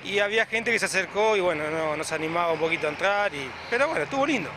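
A man in his forties with an Argentine Spanish accent speaks high, expressive and rapid-fire as a club president and event organizer in a casual on-camera interview. Chatty, he fills his talk with "eh" and restarts, holding a handheld reporter mic close below his chin outdoors by a beach in front of hedges, with clear outdoor background noise.

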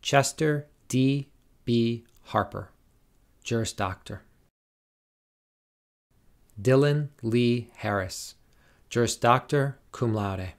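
A man formally reading out graduates' names and degrees at a commencement, in a slow, measured, deliberate way. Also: mid-range voice. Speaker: commencement name reader.

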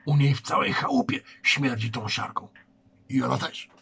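Frightened young man, hushed fearful telling, husky grain, read by a man. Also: mid-range voice, big pitch swings, normal speed, exaggerated voice. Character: frightened pale youth, telling of a witch.

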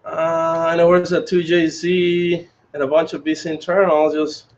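A man's voice: on the high side, level tone, normal speed. A man co-hosting a casual livestream while working on a car engine in a garage, talking in a laid-back, chatty way. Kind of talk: casual chat while wrenching. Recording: lo-fi with faint noise.

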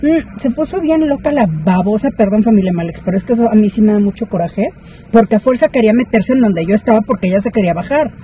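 A woman's voice: mid-range voice, animated, fast talker, dark tone, rough recording. A woman telling a story to her viewers in a chatty, indignant vlog. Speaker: vlogger. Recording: clear background noise.

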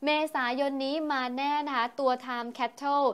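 A woman with a slightly high voice talks through a new gadget in a loose, chatty way. She keeps adding polite particles and breaks off now and then with delighted exclamations. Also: little pitch movement, slow pace. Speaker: tech news presenter. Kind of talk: casual tech product talk.

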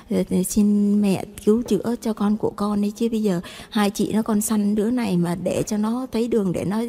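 A woman's voice: mid-range voice, dark tone, in a large hall. A young mother, giving an emotional, tearful testimony to a priest. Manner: emotional, tearful when recounting.

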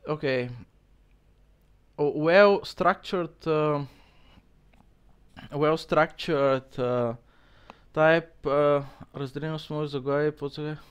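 A young man streaming from a small dim room on a headset, reading aloud haltingly with many fillers and chuckles in casual commentary. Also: on the high side, fairly even intonation, smooth.

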